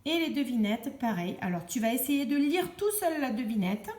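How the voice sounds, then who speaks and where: Patient high-voiced woman teacher. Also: very animated, darkish tone, reverberant. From France. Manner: slow, patient, spells out letters and sounds. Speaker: primary school teacher. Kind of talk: explaining homework exercises to young children.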